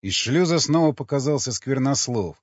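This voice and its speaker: A man narrating an audiobook in a measured, even reading with a husky voice. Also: medium pitch, dry recording. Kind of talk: scripted narration. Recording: dull, dry studio sound with faint music.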